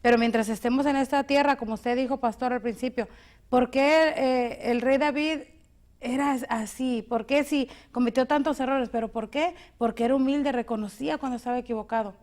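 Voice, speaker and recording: A woman's voice: high-pitched, fairly even intonation, brisk, darkish tone. A woman co-hosting a devotional show, steadily explaining and reading Bible verses aloud. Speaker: co-host.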